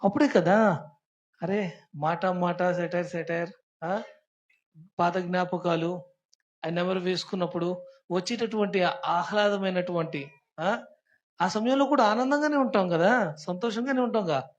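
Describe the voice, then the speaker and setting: A young adult preacher giving a Sunday sermon, constantly prompting the listeners with quick questions and slipping English phrases into the talk. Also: mid-range voice. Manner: peppers talk with rhetorical questions and prompts to the congregation. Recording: dull lo-fi church recording.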